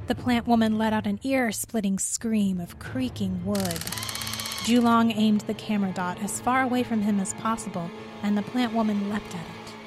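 Steady woman storyteller reading aloud. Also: mid-range voice. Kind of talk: scripted story narration.

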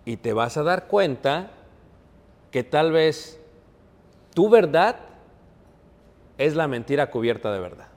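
A man's voice: fairly high pitch, very animated, takes it slowly, pauses often, a little mellow, long reverb tail. A man preaching a sermon, earnest and emphatic, calling his listeners brothers. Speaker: pastor.

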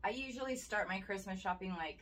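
A woman's voice: mid-range voice, a little fast, fairly bright tone, distant mic, slight background noise. Giggly woman podcast co-host, off-mic. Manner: giggly, rambling, lots of "like". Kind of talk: casual chat.

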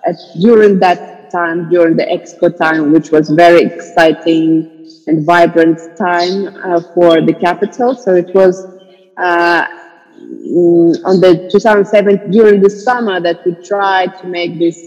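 A woman's voice: fairly low pitch, steady tone, measured pace, darkish tone, in a large hall, muffled recording. A woman from Kazakhstan, an art curator, speaking hesitantly with many fillers as a podcast guest. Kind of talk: podcast interview.

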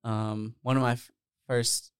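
A man from the Netherlands, a musician, chatting casually as a podcast guest in a relaxed, rambling way with many fillers, on a close mic. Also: mid-range voice, a little slow, clean tone, no echo. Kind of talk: casual interview chat.

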